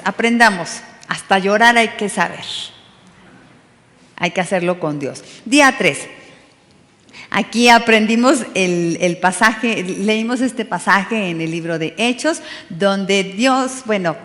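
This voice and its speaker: A woman's voice: mid-range voice, a bit bright. A woman with a Mexican accent, giving a chatty, playful sermon to a women's group and asking them questions. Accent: Mexican Spanish. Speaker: women's ministry preacher. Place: church hall. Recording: long hall reverb.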